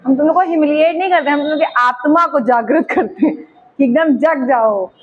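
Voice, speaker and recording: A woman's voice: high-pitched, brisk, narrow, tinny audio. A woman teacher with an eastern Uttar Pradesh Hindi accent, teaching a chemistry class and coaxing students with teasing questions.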